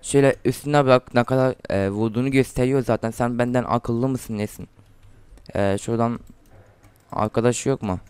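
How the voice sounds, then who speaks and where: Teenage boy, from Turkey, gaming commentary, trash talk, very clear voice, dry close sound. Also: medium pitch, normal speed, no room sound. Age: teens. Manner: trash-talks opponents, gets loud and excited in fights. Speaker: gaming YouTuber. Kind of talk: casual gameplay commentary.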